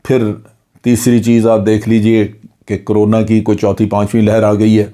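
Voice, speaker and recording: A man's voice: fairly low pitch, completely flat delivery, mellow. An older man, a retired general from Pakistan, delivering an earnest political commentary monologue with rhetorical questions.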